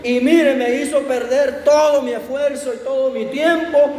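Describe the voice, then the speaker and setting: A man's voice: very high-pitched, steady tone, moderate pace, warm tone. A man preaching plays a stubborn, proud owner who insists his donkey is a horse. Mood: aggrieved. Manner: insistent, stubbornly sure of himself. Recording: echoey hall, faint room noise.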